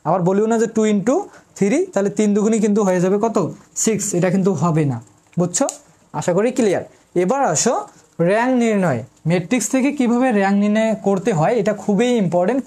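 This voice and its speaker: Female tutor, warm and relaxed tone, who drills students with questions she answers herself. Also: mid-range voice. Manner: quizzes listeners, then answers her own questions; repeats key terms, informal address to students. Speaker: math tutor. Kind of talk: online math lesson.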